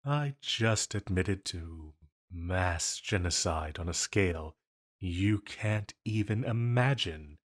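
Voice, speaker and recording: In a scripted, intimate audio drama roleplay, a male actor voices an ancient villain in a low register. The performance is expressive and heavily acted, elegant and menacing yet fond, curious and teasing in mood, savoring each formal phrase with deliberate pauses.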